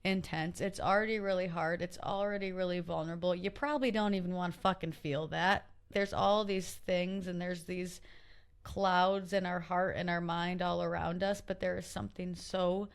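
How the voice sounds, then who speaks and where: A woman's voice: on the low side, steady tone, moderate pace, smooth. A woman hosting a podcast, talking candidly and searching for words, with some casual swearing. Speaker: podcast host.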